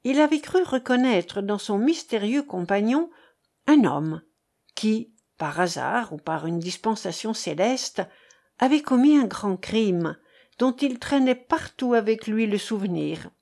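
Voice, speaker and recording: A woman narrating a classic novel as an audiobook, in a measured, even reading voice. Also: mid-range voice, gravelly.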